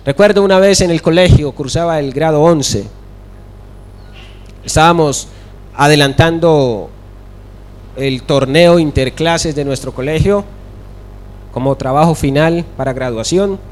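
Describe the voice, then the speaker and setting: A man's voice: on the high side, darkish tone, a little hiss or hum. A young man preaching a sermon, telling stories and acting out the dialogue.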